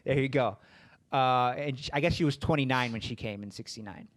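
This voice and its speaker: A man's voice: mid-range voice, brisk, a bit bright. A man hosting a podcast interview, talking in a rambling, hesitant way and repeating words. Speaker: podcast host.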